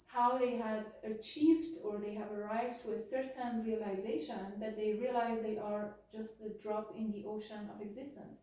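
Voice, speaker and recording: A woman from Iran talks in a reflective, hesitant way, circling her ideas with fillers and restarts. Her voice sits a little high but sounds mellow and soft-edged. The room is very echoey and she is heard from some distance off the mic. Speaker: interview guest, complexity scientist. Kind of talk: reflective conversational interview. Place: campus room. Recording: roomy echo, mic at a distance.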